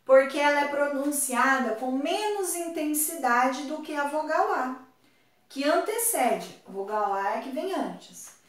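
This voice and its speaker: A woman from Brazil teaching an online class, speaking slowly and patiently and drawing words out for her pupils. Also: sits high, lively intonation. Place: home room on a video call. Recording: very echoey room, far from mic.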